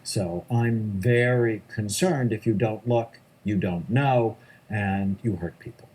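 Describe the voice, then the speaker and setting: A middle-aged male psychiatrist, appearing as a guest, answers interview questions emphatically and often drives his points home in short lists. His voice is fairly low and slow, a little mellow, with a husky quality.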